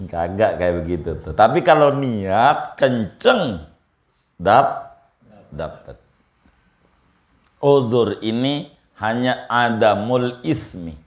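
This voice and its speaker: A man's voice: fairly low pitch, a little mellow. A man giving a humorous, folksy religious lecture, mixing in Arabic quotations. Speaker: Islamic preacher. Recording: echoey room.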